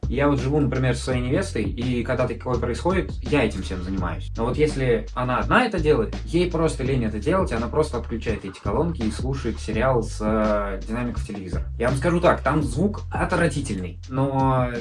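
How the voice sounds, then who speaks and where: A man with a mid-pitched voice talks casually through a tech review, with faint music behind him. His wording is colloquial and full of complaint, like someone venting to viewers. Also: expressive, a little fast, few pauses. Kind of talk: casual spoken product review.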